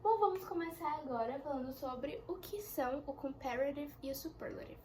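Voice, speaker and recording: A young woman teaching an English lesson in a chatty way, explaining slowly with examples. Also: high voice, dark tone, slight background noise. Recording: echoey room with faint ambience.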